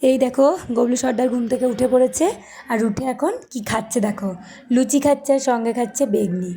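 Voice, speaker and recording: A woman's voice: fairly high pitch, a little fast, mellow. A woman recording a chatty voice-over for her home vlog, speaking to viewers as friends. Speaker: vlogger.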